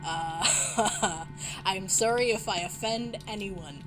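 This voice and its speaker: A woman's voice: medium pitch, slow pace, a bit bright, soft background music. A woman hosting a let's play, reading a visual novel aloud and commenting casually, swearing and laughing often.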